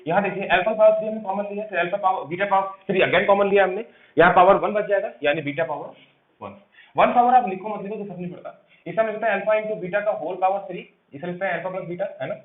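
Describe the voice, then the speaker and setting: A man teaching math step by step for an exam, asking questions aloud and answering them himself. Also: high-pitched. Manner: explains quickly, asks and answers his own questions. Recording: echoey room over a phone-like mic.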